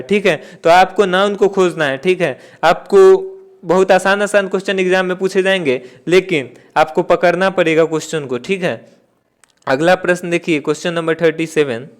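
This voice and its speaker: High-voiced man teaching exam grammar. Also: clear, resonant tone. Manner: explains step by step, asks and answers his own questions; repeats key points with "theek hai". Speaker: exam-prep English teacher. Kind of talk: classroom-style exam lesson.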